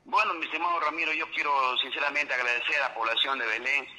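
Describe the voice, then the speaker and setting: A man's voice: medium pitch, fairly even intonation, quick pace, bright, forceful tone, poor audio. A man running for local office, answering a radio interviewer with campaign talk and often addressing the host as his esteemed friend. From Peru. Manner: repeats a stock address to the interviewer. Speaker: local election candidate.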